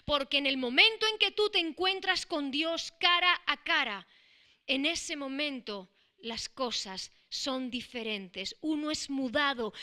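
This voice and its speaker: Bright high-voiced Spanish woman preaching. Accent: Spain Spanish. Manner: emphatic, rising to forceful declarations. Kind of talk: sermon reading and expounding scripture.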